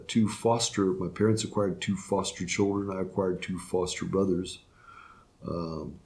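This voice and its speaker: Halting and full of restarts and fillers, an older man answers interview questions with reflection. He's a retiring circuit court judge from Florida whose voice is low-pitched and darkish.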